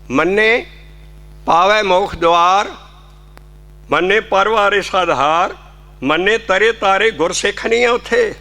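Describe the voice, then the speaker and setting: This man, a kirtan singer and preacher, delivers a devotional sermon, explaining scripture and breaking into lines of sung hymns. His voice sits high, with vocal fry and a sharp tone.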